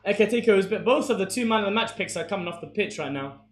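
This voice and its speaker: A young man giving casual, excitable football commentary on a livestream, chatting with his viewers between plays. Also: high voice, fast talker. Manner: casual, excitable play-by-play, talks to chat. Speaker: streamer commentating a football watchalong. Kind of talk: live match commentary and chat with viewers. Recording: echoey room with faint background noise.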